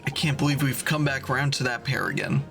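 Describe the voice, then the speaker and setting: A man streaming a game, reading its courtroom dialogue aloud in a measured, earnest way. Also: mid-range voice, vocal fry, over music.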